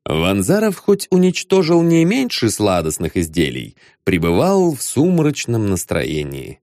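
A man narrating an audiobook with expressive storytelling. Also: on the low side, measured pace, no echo, studio quality.

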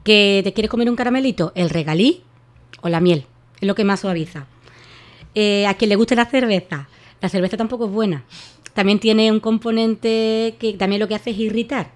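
A woman's voice: medium pitch, moderate pace. Woman on radio explaining voice care, lots of eh and restarts. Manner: explanatory, many fillers and restarts. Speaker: voice therapist guest. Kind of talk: radio interview advice.

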